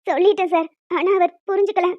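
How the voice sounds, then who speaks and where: A woman's voice: very high voice, steady tone, quick pace. A woman voicing a frightened but defiant young woman in a cartoon, scolding and pleading. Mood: timid. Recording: dull lo-fi with music behind.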